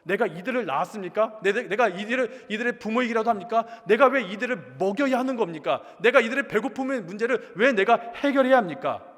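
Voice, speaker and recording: A man acting out an exasperated older prophet who protests loudly to God, his pleading voice rising. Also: fairly high pitch, lively intonation, quick pace, big-room sound, natural voice. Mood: protesting.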